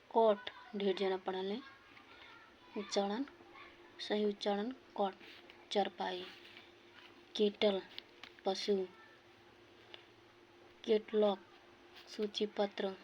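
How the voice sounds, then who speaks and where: A woman's voice: mid-range voice, a little mellow, dull audio, a little hiss or hum. A woman teaching English pronunciation, drilling words one by one, repeating each and giving its meaning. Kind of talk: spoken lesson on pronunciation.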